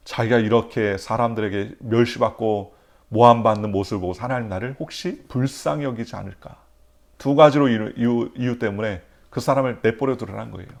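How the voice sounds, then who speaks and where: A man preaching an early-morning sermon in a church, asking the congregation questions and answering them himself, swinging between loud emphatic lines and near-whispers. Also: mid-range voice, a little fast. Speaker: pastor.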